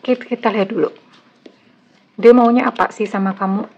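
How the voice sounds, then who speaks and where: A woman with an Indonesian accent gives a casual tarot reading straight to her viewer. She talks in a chatty, blunt way at a middling pitch and slips English phrases into her sentences. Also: fairly even intonation, fairly quick, a little mellow, breathy edge, lo-fi sound. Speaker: tarot reader.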